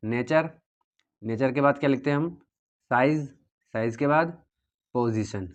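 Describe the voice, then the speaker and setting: A man's voice: mid-range voice, normal speed. Man teaching with a lo-fi sound. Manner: steady and repetitive, checking understanding often. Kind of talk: whiteboard physics lesson.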